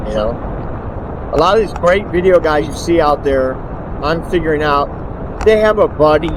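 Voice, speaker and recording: Older man vlogging outdoors in windy noise. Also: fairly high pitch. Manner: rambling, self-deprecating. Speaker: solo cycling vlogger. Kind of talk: casual outdoor vlog chat. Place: outdoors on a bike trail, riding into headwind. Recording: windy outdoor recording, loud wind and vehicle noise. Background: strong wind noise.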